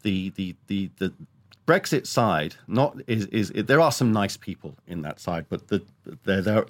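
A man with a deep voice and a close, dry sound gives interview commentary. He speaks emphatically and with firm opinions. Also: no echo. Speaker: economics columnist, podcast guest.

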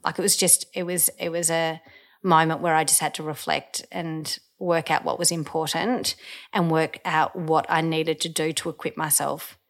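A woman's voice: sits low, fairly bright tone. A woman, candidly telling a personal story with casual swearing and fillers.

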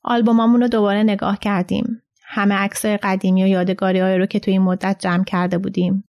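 A woman reading a calm, measured old man. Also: mid-range voice, highs cut off, close to an everyday voice.

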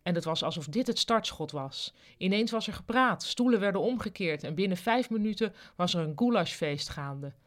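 Calm storybook narrator, middle pitch. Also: normal speed, few pauses.

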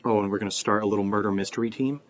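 An actor playing Steve, a blunt, sardonic and exasperated friend in a horror audio drama. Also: male voice, on the low side, steady tone, rapid-fire, natural voice. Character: Steve, profane, exasperated, sarcastic male friend. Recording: clearly noisy background ambience.

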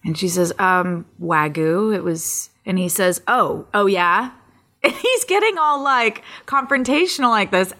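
A bright, clear-toned woman chats as a podcast co-host. She tells stories with lively acted-out voices, jumping between characters, and laughs often as she goes. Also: medium pitch, unhurried. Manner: animated, acts out voices in anecdotes, laughs often. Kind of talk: casual chat, storytelling.

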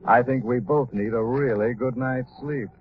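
An actor playing a calm, suave gentleman sleuth in an old radio drama, dry and unruffled. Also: mid-range voice, moderate pace, natural voice. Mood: calm, wry. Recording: muffled, hissy vintage radio recording.

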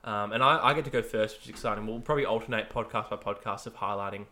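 A young Australian man in his twenties hosting a casual podcast, talking loudly and energetically and laughing often. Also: on the low side, rapid-fire. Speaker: podcast host.

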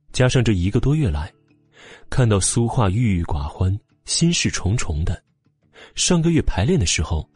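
Male audiobook narrator, lowish husky voice, lively pitch, dry close mic, faint music. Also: no echo. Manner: expressive, acts out all parts. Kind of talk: scripted narration.

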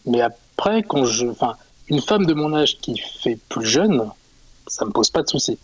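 A husky man in his forties speaks as a caller on a live call-in show. He talks haltingly, stopping and restarting often, with a breathy, slightly rough tone. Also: mid-range voice, very animated, low-quality recording. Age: 40s. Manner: hesitant, halting, frequent fillers. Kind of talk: radio call-in chat.

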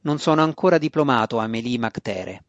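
A young dark elf man, as a male narrator plays him, angry and defiant toward his sister in a storybook reading. Mid-pitched, close and dry on the mic. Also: expressive, a little fast, no room sound, dull audio, close to an everyday voice.

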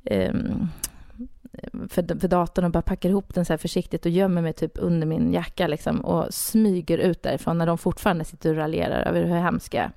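A woman author, a guest, telling a personal story in a casual, animated way, full of fillers and restarts. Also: on the low side, creaky, no echo, studio quality. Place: Stockholm studio.

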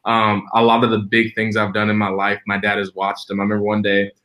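A man's voice: lowish voice, completely flat delivery, a little fast, pushed and bright. A man in his twenties, a preacher and podcast guest, telling a personal story in an earnest, reflective way with frequent restarts. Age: 20s.

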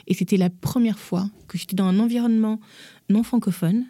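A woman in her thirties, an interview guest, tells her life story in a lively way and acts out what others said. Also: medium pitch, brisk, dry recording, studio quality. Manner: lively, acts out quotes in changed voices. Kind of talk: personal storytelling in conversation.

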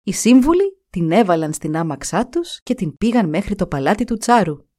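A woman narrating a fairy tale in an expressive, animated reading voice. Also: medium pitch. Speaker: storyteller.

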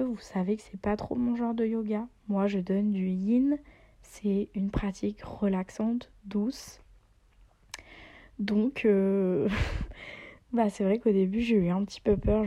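A young French-speaking woman, a yoga teacher who hosts a podcast, chats casually in a travel-diary style, full of fillers and often sinking to a near whisper. Her voice is medium in pitch with a dark tone, and the lo-fi recording sounds slightly dull.

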